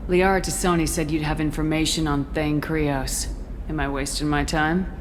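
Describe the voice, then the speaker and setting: A woman's voice: low voice, flat delivery, normal speed, a little hiss or hum, natural voice. A woman playing a tough, curt female military commander in a video game, firm and focused. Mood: threatening. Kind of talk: video game dialogue acting. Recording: game music behind the voice.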